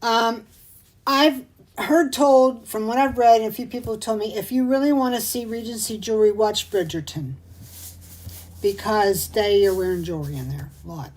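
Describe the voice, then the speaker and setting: A woman's voice: fairly high pitch, normal speed, a little mellow, poor audio. Chatty, rambling middle-aged woman. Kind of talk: casual chat.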